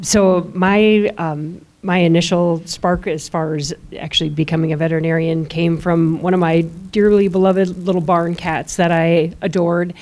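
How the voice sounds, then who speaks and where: A woman telling a personal story as a panel guest, reflective and unhurried with some fillers. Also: lowish voice, a little mellow.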